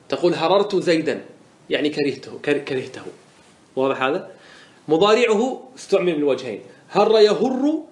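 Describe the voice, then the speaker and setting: A man teaching Arabic morphology in a classroom-style lecture. He asks questions and answers them himself, and he slows down to stress the example words. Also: on the high side. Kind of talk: classroom lecture explaining a grammar poem. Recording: roomy echo.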